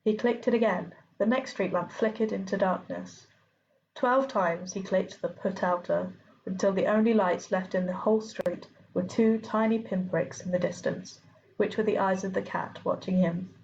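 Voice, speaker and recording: Woman narrator, amateur audiobook reading, steady mid-pitched voice, lo-fi home sound. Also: moderate pace, creaky, slight background noise. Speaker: reader.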